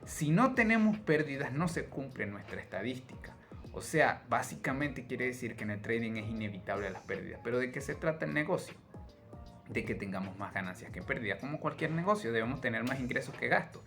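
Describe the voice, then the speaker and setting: A man teaching an online trading course in a motivational lecture style, asking rhetorical questions and tagging lines with quick checks. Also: medium pitch, sing-song, a bit bright, soft background music.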